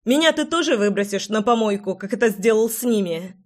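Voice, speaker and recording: A woman's voice: medium pitch, lively intonation, fairly quick, close to an everyday voice. Cutting, resolute young woman seer, voiced by a woman in an audiobook. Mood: scornful. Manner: cold, cutting.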